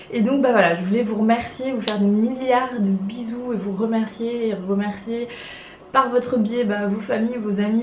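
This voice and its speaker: Her voice is mid-range with a darkish tone. A young woman nursing a cold, she sniffles through a home beauty tutorial, chatting casually and bubbly with lots of fillers, in an echoey room with faint noise.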